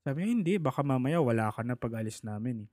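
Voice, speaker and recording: A man's voice: mid-range voice, fast, no echo, clean studio sound. A man casually telling a personal story, acting out the people he quotes. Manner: animated, acts out the people he quotes.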